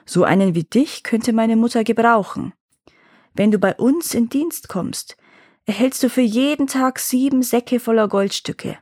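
A woman's voice: a little high, a little slow, a little mellow, no echo, clean studio sound. A woman voicing a strong but timid young male dragon who is easily frightened, speaking in a worried, pleading way. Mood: gruff.

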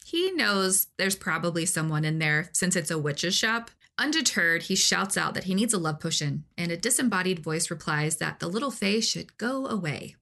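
Woman podcast co-host, lowish voice, casual and playful recap. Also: expressive, moderate pace, few pauses, pushed and bright. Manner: playful, laughs often. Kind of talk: casual chat and story recap.

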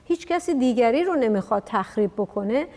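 Woman chatting thoughtfully, slightly high voice, long echoey reverb around her. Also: lively intonation, darkish tone. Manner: thoughtful, storytelling. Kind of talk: reflective discussion.

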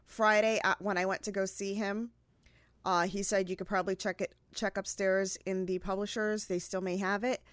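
A woman's voice: medium pitch, flat delivery, normal speed, no echo. Chatty woman from New York and Puerto Rico. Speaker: podcast co-host. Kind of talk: casual chat.

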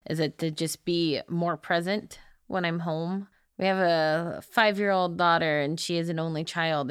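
A woman's voice: sits low, clear, resonant tone, no room sound, studio quality. A woman co-hosting a podcast, chatting casually and laughing often. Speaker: podcast co-host. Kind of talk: casual chat.

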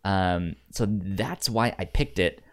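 On a laid-back film podcast, a co-host whose sex is unclear talks movies, frequently stuttering and repeating syllables and words. The voice is deep and slow.

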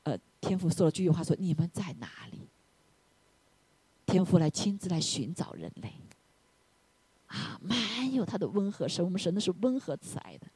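Animated woman preacher with a husky voice. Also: on the low side, fairly quick, dry recording. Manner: animated, keeps asking the congregation "right?"; drops to a soft near-whisper for emphasis. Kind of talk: sermon.

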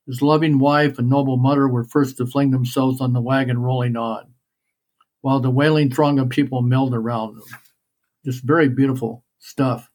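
A man talking through an ancient poem, stopping often with fillers before he slows into reading the verse aloud. His voice sits at an ordinary middle pitch. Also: steady tone, a little mellow. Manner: halting, many fillers, reads quoted verse slowly. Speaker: guest discussing an epic poem. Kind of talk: reading passages aloud within casual conversation.

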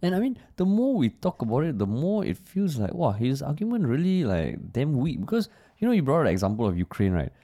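A Singaporean man with a very lively, swooping intonation and a soft-edged, mellow tone. He talks in casual Singlish, giving his opinions as a podcast co-host and swearing freely. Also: mid-range voice, brisk. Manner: colloquial Singlish with sentence-final particles and casual swearing.

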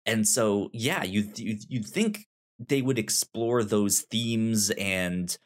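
A man reviewing manga on a laid-back book discussion podcast he co-hosts thinks out loud, frequently repeating himself. His voice is fairly low and slow.

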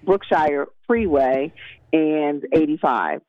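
A woman's voice: low voice, expressive, dry recording. Woman on a clipped phone line. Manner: halting, filler-heavy, gets tongue-tied. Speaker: traffic reporter calling in. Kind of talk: live traffic update on a radio call.

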